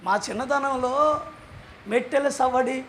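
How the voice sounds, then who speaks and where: A male pastor preaching a sermon in a chatty way, acting out little exchanges and breaking into shouted calls for hallelujah. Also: very high voice, takes it slowly, slight background noise. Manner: conversational, acts out little dialogues.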